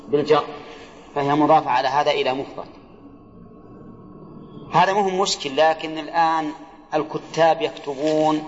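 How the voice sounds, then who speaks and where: Man teaching grammar in an echoey hall. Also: fairly high pitch. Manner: quizzes listeners with quick questions. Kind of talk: classroom lecture explaining a grammar text. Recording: dull, echoey lecture hall recording.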